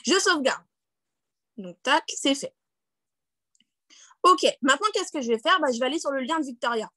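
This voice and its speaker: A woman's voice: sits high, lively intonation, normal speed, sharp tone, no room sound. A woman leading a screen-share tutorial on a video call, chatty and full of fillers, checking in with her listeners often. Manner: chatty, many fillers and restarts, checks in with "d'accord?"; self-deprecating, laughs at her own English. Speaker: network marketing team leader.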